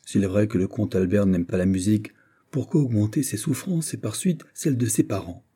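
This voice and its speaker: A man reading aloud voices a serious young female singer in an audiobook, in a raised, measured voice. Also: lowish voice, dark tone, husky. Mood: gentle. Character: young woman singer, earnest and grave.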